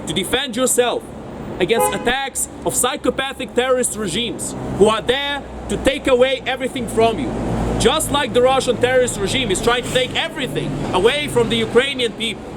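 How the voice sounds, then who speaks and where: A man's voice: very high-pitched, brisk. A man giving an impassioned, declamatory speech at an outdoor rally. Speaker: rally speaker. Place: outdoors on a city street. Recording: street noise outdoors.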